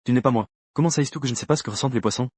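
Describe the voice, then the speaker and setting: A man's voice: mid-range voice, rapid-fire, darkish tone, no echo, studio quality, close to an everyday voice. A man reading the lines of a playful, teasing teenage girl in a comic dub, in his own voice. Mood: earnest.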